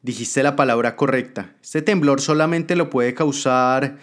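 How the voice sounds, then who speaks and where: A man's voice: mid-range voice, unhurried, lightly acted. A man voicing a cruel, ruthless woman politician who taunts and threatens, in a dramatic spoken story. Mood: scornful. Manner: taunting, contemptuous.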